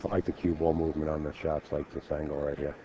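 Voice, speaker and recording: A man's voice: rumbling low, little pitch movement, fast talker. A man doing play-by-play commentary on a pool match, calling the score and bantering with jokes. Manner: joking, calls the score and banters. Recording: dull lo-fi stream audio with faint noise.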